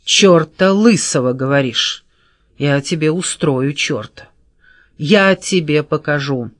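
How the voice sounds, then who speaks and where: A woman reading an audiobook, voicing a jealous, domineering man who shouts and snarls orders. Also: deep voice, lively intonation, slow pace, no room sound, studio quality. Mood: furious.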